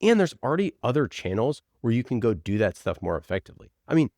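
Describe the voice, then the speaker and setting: Speaking fast in a sing-song, darkish mid-range voice, a man who is a podcast producer and guest makes his case in a casual interview, driving home points with passion, emphasis, and rhetorical questions. It's studio quality with no echo.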